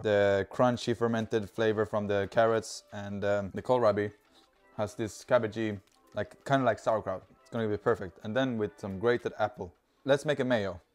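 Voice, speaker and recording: Speaking with a Swedish accent, this thirtyish cooking video host has a fairly low, slightly mellow voice. He keeps up a cheerful, chatty patter as he handles food, giving a casual demonstration in a home kitchen with the garden door open, captured on a lapel mic.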